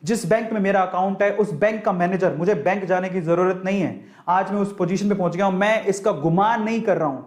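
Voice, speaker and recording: A man's voice: sits high, fairly quick, echoey room. A young Indian man with a Punjabi-tinged accent giving a casual motivational session, switching freely between Hindi and English and slipping into Rajasthani and Haryanvi dialect. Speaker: motivational speaker.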